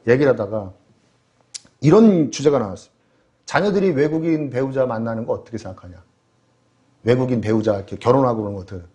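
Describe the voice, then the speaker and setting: A man's voice: medium pitch, expressive, fast talker, long pauses, darkish tone. A man preaching a sermon as pastor, telling stories animatedly and throwing rhetorical questions to the congregation.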